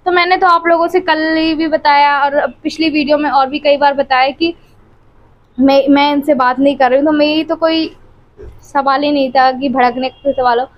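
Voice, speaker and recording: A woman's voice: high voice, steady tone, normal speed. A woman family vlogger at home, speaking emotionally and directly to her viewers about her troubles, recorded on a phone camera. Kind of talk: tearful personal confiding to viewers. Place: at home, by the bed. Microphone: phone camera held close. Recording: dull, lo-fi phone audio.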